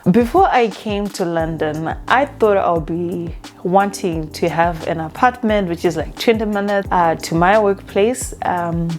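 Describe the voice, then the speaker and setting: A young woman from Zimbabwe, chatting casually in a vlog with a relaxed manner and frequent fillers. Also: on the low side, a little slow, hardly any pauses, soft background music. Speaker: vlogger. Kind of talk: casual talking-to-camera vlog.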